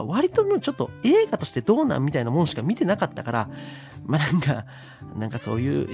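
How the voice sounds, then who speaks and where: Fast, animated man reviewing a film. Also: a little high. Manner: rambling, with many fillers. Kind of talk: casual solo film review talk.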